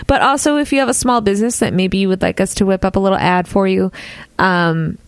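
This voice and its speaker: A woman co-host reads a silly news item and then riffs on it, with giggles slipping into her talk. Her voice sits at a middle pitch. She is recorded close up, with no room sound around her. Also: a little fast, smooth, no room sound. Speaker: comedy podcast co-host. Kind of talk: casual comedic news chat.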